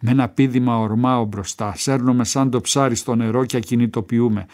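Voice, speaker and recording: A man reading a first-person war story aloud in a measured, tense storytelling manner. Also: medium pitch, fairly even intonation, darkish tone. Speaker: narrator.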